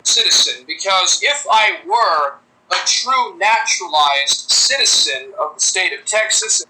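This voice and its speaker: A man's voice: sits high, lively intonation, unhurried, bright, forceful tone, poor audio. A man in a played clip, delivering a formal complaint in stiff, pseudo-legal wording.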